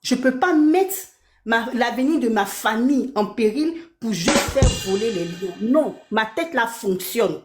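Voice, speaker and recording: Brief: woman streamer, higher voice, heated rant, keeps asking "d'accord?", echoey room. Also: expressive, unhurried, faint music behind. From Belgium. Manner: indignant, repeats her points, asks "d'accord?". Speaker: live streamer. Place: her apartment.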